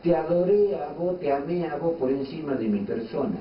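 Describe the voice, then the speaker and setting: A man voicing God as a grand, ardent figure pleading with a believer, in slow, soaring declamation. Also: fairly high pitch, expressive, a little hiss or hum, close to an everyday voice. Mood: impassioned. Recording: distant, echoey, dull hall recording.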